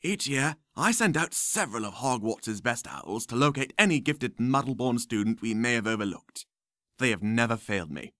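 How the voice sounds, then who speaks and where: Give me a man playing an eccentric old wizard, hearty and booming. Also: expressive, normal speed, a bit bright, no room sound, clean studio sound, close to an everyday voice. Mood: assured.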